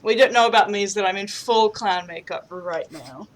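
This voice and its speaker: A woman's voice: medium pitch, low-quality recording. A woman co-hosting a podcast, giggly and swearing as she riffs in casual group chat. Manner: giggly, swearing, fast riffing. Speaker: podcast co-host.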